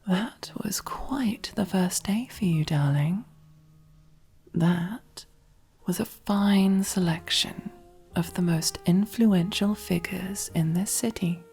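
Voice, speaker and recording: A woman plays a silkily affectionate, possessive, commanding female mob boss for ASMR, using a husky, breathy voice that often drops into whispers. The voice is lowish, and she seems calm, as though explaining something. Her manner is slow, controlled, intimate and softly commanding.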